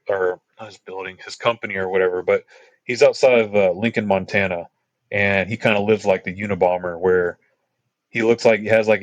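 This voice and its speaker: On a podcast, a Texas man's deep voice spins rambling trail tales full of fillers and side comments. The recording sounds dry and muffled.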